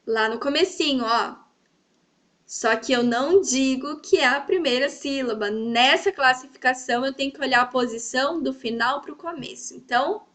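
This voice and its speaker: High bright lady teacher, sweet coaxing tone for kids, says each word slow twice. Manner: stretches and repeats example words slowly; sweet, coaxing, checks in often. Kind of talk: children's grammar lesson.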